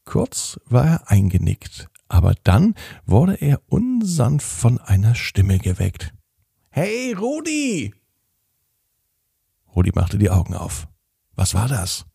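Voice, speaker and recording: A man reading a bedtime story in a calm, unhurried way. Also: lowish voice, gravelly, breathy edge, dry recording, studio quality.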